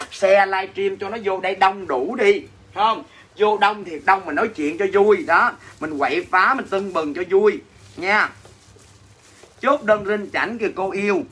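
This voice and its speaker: A man's voice: high-pitched, normal speed, a bit bright, slightly rough. A man with a Southern Vietnamese accent hosting a livestream sale, reading out and answering viewer comments in dramatic, teasing, mock-complaining banter. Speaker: livestream seller and host. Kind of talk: casual livestream selling chat.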